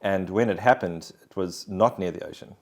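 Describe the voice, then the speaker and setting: Man, very low voice, earnest reflective storytelling, interview guest. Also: moderate pace. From South Africa. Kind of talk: conversational personal testimony.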